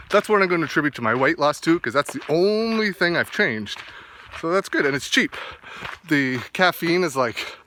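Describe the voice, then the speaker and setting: A man talking casually to a vlog while walking outdoors, rambling and often pausing to find his words. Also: medium pitch, sharp tone, a little hiss or hum. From east coast of Canada. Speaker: fitness vlogger.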